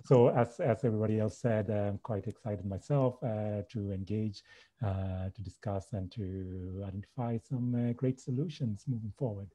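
A man in his forties introducing himself as a panelist on a video call, measured with hesitations. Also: on the low side, mellow. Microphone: laptop webcam video call.

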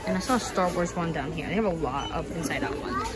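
A woman's voice: low voice, animated, quick pace, poor audio. A young woman vlogging casually as she walks through a store, chatting and listing prices while gushing over items. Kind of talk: casual shopping walkthrough. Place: indoor retail store. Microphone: handheld phone camera. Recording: busy store with crowd noise. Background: store crowd chatter.

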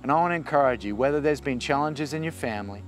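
A man's voice: medium pitch, fast, slight background noise. A man, a pastor giving an earnest, encouraging sermon on a forest path. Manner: earnest, encouraging preaching with emphatic rises. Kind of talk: outdoor video sermon. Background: soft music.

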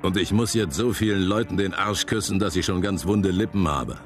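An actor reading out the quotes of a crude, swaggering American army general in a documentary. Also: male voice, deep voice, moderate pace, soft background music, close to an everyday voice. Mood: sour.

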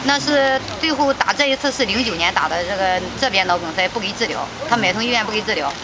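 A woman giving emotional spoken testimony, halting and repeating herself, her voice rising when agitated, recorded outdoors. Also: medium pitch, expressive, background noise. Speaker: petitioner's sister recounting events.

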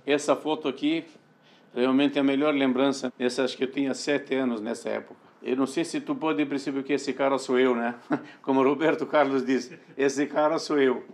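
Older Palestinian-born man, calm and reflective. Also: mid-range voice, fairly quick. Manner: calm, reflective and plain-spoken. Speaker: shop owner. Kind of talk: documentary interview. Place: his shop and home, indoors.

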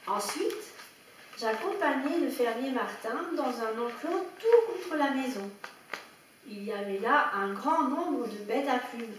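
A woman storyteller reading a children's picture book aloud with lively expression. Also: fairly high pitch, slow pace, a little hiss or hum. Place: indoor room at a public story reading. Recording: echoey room, heard from a distance, faint background ambience.

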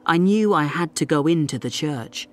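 A man narrating a story slowly and clearly for English learners. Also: fairly high pitch, lively intonation. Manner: slow, deliberate, clearly articulated.

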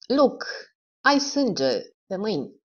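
A woman reading the part of a shaken, frightened young woman in an audiobook, speaking faintly and softly. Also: mid-range voice, sing-song, husky, lo-fi sound. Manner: faint, hushed.

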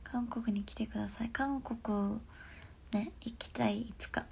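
On a phone livestream, a young woman host rambles through a relaxed, casual chat, drifting into soft half-whispers. Her raised voice is gravelly with lots of fry, a little high and a little slow, and nasal from a stuffed-up nose, with a little hiss or hum in the audio.

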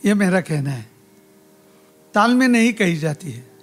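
A man, a tabla player, explaining rhythm theory slowly and deliberately in a played clip. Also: high-pitched, sing-song.

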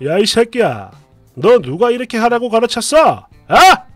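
A man voicing a hot-tempered young husband who shouts coarse abuse at a child. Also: extremely high pitch, sing-song, unhurried, no echo, faint music behind, exaggerated voice. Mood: furious shouting.

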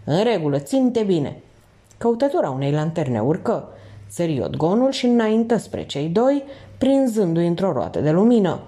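A woman narrates a novel aloud in a low, mellow voice. Her reading is measured, leaning into tense moments with dramatic emphasis. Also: very animated. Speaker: audiobook narrator. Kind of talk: live audiobook reading.

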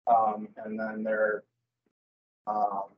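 Halting man on a video call, husky. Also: fairly low pitch, monotone. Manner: halting, many fillers and self-corrections. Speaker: wildlife biologist presenting to a board. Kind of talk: presenting at a public meeting. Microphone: computer mic on a video call. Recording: dull lo-fi video call audio.

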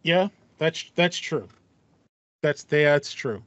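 In a small foam-paneled room at home, a man in his thirties hosts a podcast, chatting casually, thinking out loud and repeating phrases. His voice is a little high and fairly bright, with lively intonation, and he takes things slowly. There's no room sound, though the audio is dull and lo-fi like a voice call.

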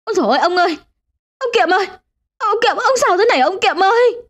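A woman's voice: lively intonation, fast, a bit bright. A woman voicing a panicked older village wife who cries out shrilly for her husband in a ghost story. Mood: shrieking panic. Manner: shrill, frantic crying out.

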